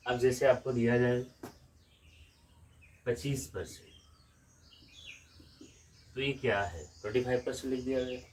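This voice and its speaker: A man's voice: mid-range voice, fairly even intonation, unhurried, pauses often, a little mellow, far from the mic, slight background noise, low-quality recording. A man with a Lucknow Hindi accent teaching a maths lesson from a room in a village, explaining step by step and asking questions back to the class.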